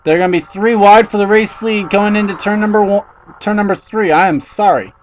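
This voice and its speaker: High-voiced excitable male race caller. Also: a little fast, lo-fi sound, slight background noise. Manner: excitable, voice jumps high and loud at crashes. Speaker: race commentator. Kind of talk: play-by-play commentary.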